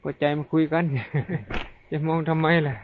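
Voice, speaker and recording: A man's voice: a little high, measured pace. A man with an Isan Thai accent, a Buddhist monk giving an informal Dhamma talk in a folksy, chatty storytelling manner. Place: rural monastery. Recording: tinny lo-fi recording with faint hiss.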